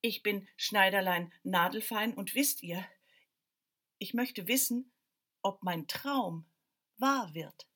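A woman voicing a sleepy, dreamy little male tailor in a soft, drowsy voice. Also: mid-range voice, takes it slowly, pauses often. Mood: earnest.

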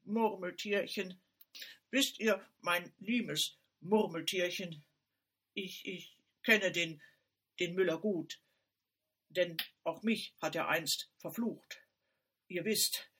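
A woman voicing a good-hearted male beaver who hums, mumbles and repeats his words in a loud, drawn-out way. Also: lowish voice, slightly rough, full character voice.

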